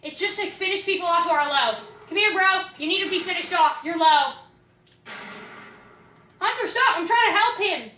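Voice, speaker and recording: A very high, bright child's voice chats through a video game with lots of excited swings. The kid is slangy and complaining, picked up from a distance in an echoey room. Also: moderate pace. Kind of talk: excited casual gaming chat. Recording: echoey room, distant mic, faint noise.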